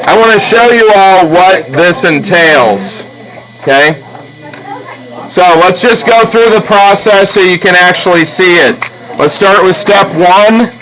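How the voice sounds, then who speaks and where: In this classroom, a patient art instructor guides students through a drawing step by step, regularly checking in with "okay?" and "all right?". He speaks unhurriedly in a high, fairly bright voice, captured in low quality.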